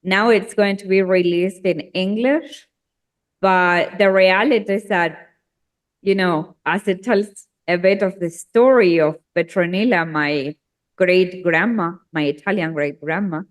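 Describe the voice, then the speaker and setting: Slow-talking, laughing Argentine-born woman. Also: on the low side. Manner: chatty, laughs often, slow and unhurried. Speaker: singer-songwriter guest. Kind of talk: casual interview chat.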